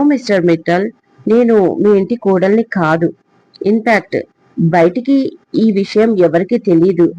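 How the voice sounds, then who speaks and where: A man voicing a quick-tempered, sharp-tongued young woman in a storybook reading. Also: sits high, no room sound, dull audio, close to an everyday voice.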